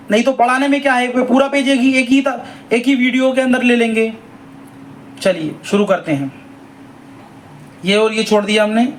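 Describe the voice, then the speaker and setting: A man teaching Quran reading, drawing out each letter sound slowly in a sing-song way, then explaining briskly. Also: extremely high pitch, low-quality recording. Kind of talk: slow spelled-out recitation lesson.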